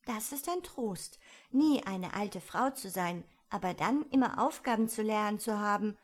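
A woman voicing the young girl Alice, talking to herself in a lively, wondering way. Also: medium pitch, normal speed, natural voice. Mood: wistful. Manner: lively, wondering self-talk.

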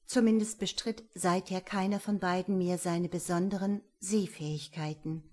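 A woman narrating an audiobook in a steady storytelling voice. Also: fairly low pitch, moderate pace. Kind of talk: scripted narration.

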